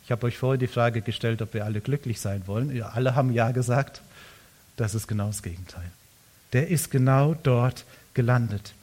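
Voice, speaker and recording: A man preaching a sermon as pastor, swinging between loud emphatic lines and hushed quiet ones. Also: medium pitch, brisk.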